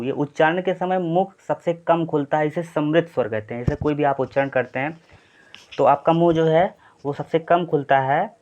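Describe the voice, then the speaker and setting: A man's voice: a little high, a little mellow. A man teaching an exam-prep Hindi grammar lesson. He explains step by step, repeats points and often checks in with "thik hai". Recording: slightly dull lo-fi sound.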